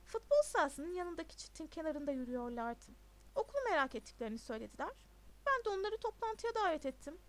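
Brief: a swaggering, theatrical teen schoolboy, read by a woman, fairly high voice, storybook. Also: sing-song, fast. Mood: cocky. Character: bold, cocky teenage schoolboy.

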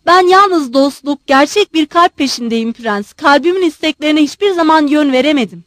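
A woman's voice: sits high, a bit bright, no room sound, studio quality. A woman reading the part of an agitated, effusive old male general who pleads and bursts out emotionally. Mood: fervent. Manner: pleading, emotional, rushing outbursts.

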